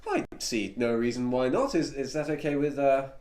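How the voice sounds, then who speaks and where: A man's voice: mid-range voice, expressive, normal speed, a little mellow, reverberant. A man in a tabletop role-play session, speaking in a polite, playfully formal way.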